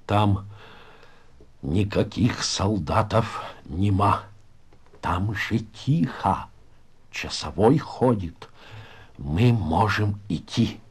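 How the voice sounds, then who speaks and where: A man voicing a nervous but fierce prison elder with Yiddish-flavoured speech, urging hushed and commanding in sharp cries. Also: lively intonation, a little slow, breathy edge. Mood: hushed urgent. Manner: hushed and urgent, then shrill commanding shouts.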